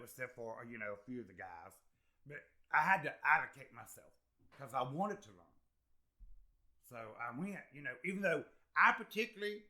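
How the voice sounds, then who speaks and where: Animated, bright-voiced man telling his story. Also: medium pitch. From South Carolina. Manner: earnest and encouraging, animated, with many fillers. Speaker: interview guest, actor and comedian. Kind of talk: candid conversational interview.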